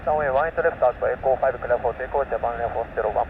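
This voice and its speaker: A man talking as a pilot over the radio, reading back tower clearances in clipped, formulaic aviation phrasing. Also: mid-range voice, quick pace, far from the mic. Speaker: airline pilot. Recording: tinny, noisy air-band radio from afar.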